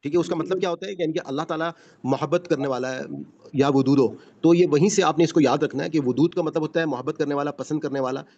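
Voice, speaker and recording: A man's voice: fairly high pitch, a little mellow. A man teaching a Quran class over a video call, explaining patiently. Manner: patient explaining, frequent "basically" and "yani ke". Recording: muffled video call audio.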